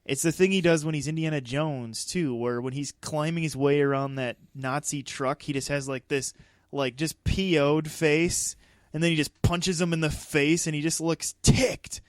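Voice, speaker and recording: A man's voice: a little high, steady tone, normal speed, few pauses, no echo. A man co-hosting a movie podcast, chatting casually and animatedly, often laughing as he talks. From Dakotas, United States. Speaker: podcast co-host. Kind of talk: casual chat.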